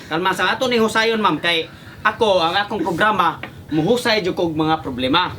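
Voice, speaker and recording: A man playing a show host in a comedy skit, coaxing and calming both sides with laughs. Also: high-pitched, normal speed, a little hiss or hum. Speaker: mock radio host mediating a complaint. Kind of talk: comedy sketch acting. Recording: music playing behind.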